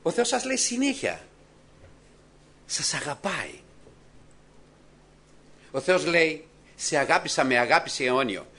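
A man preaching a sermon to a congregation, swinging between loud exclamations and hushed murmurs and putting questions to his listeners. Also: a little high, big pitch swings, long pauses, slightly rough.

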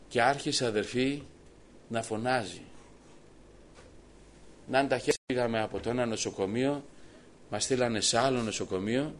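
A man's voice: medium pitch, a little hiss or hum. Man preaching a personal testimony. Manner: storytelling, quotes his father at length. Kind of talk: sermon testimony.

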